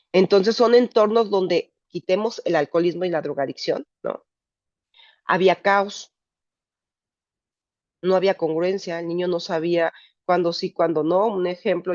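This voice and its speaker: A woman's voice: fairly low pitch, darkish tone, no room sound. A woman psychologist giving a candid, emphatic personal talk to a support group. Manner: candid, emphatic, frank language. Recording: dull dry lo-fi recording.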